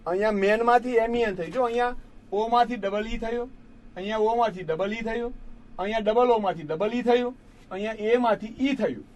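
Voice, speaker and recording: A man's voice: high voice, moderate pace, a little mellow. A man teaching a grammar lesson, patiently repeating each word for his students and calling them friends. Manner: addresses listeners as friends. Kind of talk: classroom lesson explaining English grammar.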